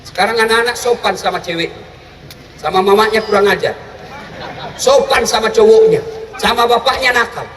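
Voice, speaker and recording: Jokey preacher guy, high sharp voice, sounds far off in a big echoey hall, faint ambience. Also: normal speed, long pauses, a little hiss or hum. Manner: lively, joking, quizzes the listeners directly. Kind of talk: humorous sermon.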